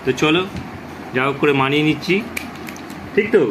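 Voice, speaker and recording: Casual male family vlogger, coaxing tone, somewhat high pitch, background noise. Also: fairly quick. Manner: chatty, coaxing with small children. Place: home and rooftop outdoors.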